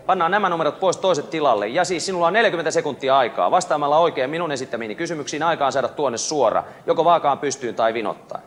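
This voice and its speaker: This is a man hosting a televised quiz show, his voice sitting a little higher than most men's. He chats and teases the contestants between brisk questions, speaking live at an event on board a cruise ship. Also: animated, a little hiss or hum. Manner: chatty, teasing banter with contestants.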